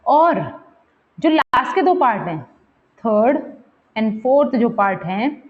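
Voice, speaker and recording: In this exam-prep literature lesson, a woman explains a poem while pointing at the text, counting and repeating words aloud and frequently checking on her students. She mixes English terms into her speech, talking slowly and very animatedly at a fairly high pitch, with the highs cut off in the audio.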